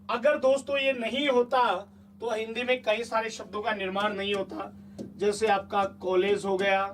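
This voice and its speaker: High-voiced man teaching a coaxing lesson. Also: a bit bright, recorded from a distance, a little hiss or hum. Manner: chatty, coaxing, asks the class repeated check questions. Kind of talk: exam-prep lesson.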